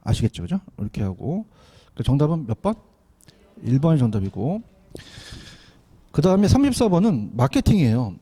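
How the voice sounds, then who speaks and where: A man giving an exam prep lecture, animated, often asking students to repeat after him. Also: a little high, moderate pace, pauses often, slightly rough. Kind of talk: classroom lecture.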